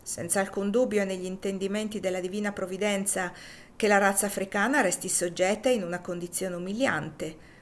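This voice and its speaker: A woman's voice: medium pitch, fairly even intonation, brisk, slight background noise, natural voice. A woman reading the lines of a grave male clergyman who speaks solemnly. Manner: solemn, preaching.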